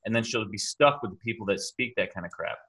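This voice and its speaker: A man's voice: on the low side, fast talker, bright, forceful tone. A man co-hosting a podcast in a casual chat, giving frank, reflective commentary.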